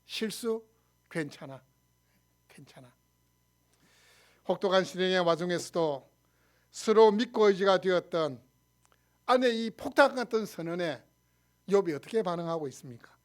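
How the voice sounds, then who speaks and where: This man's voice is high, clear, and resonant, moving at a normal speed. He's a Korean pastor with a Gyeongsang accent giving a lively sermon, answering his own questions to the congregation and dramatizing yelled quarrels in the regional dialect.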